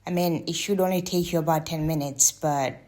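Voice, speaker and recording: A travel vlogger narrates her vlog casually, chatty and candid, openly admitting when she isn't sure how to pronounce a name. Her voice is low and somewhat dark, and she speaks briskly.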